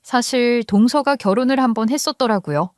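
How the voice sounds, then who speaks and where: A woman's voice: fairly high pitch, fairly quick, a little mellow, dry recording, clean studio sound. A woman narrating a first-person family story in a plain, conversational way.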